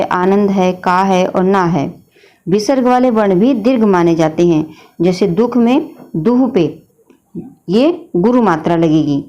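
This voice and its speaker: A female Hindi teacher with a warm, mid-range voice patiently explains a grammar lesson. She often calls her students children.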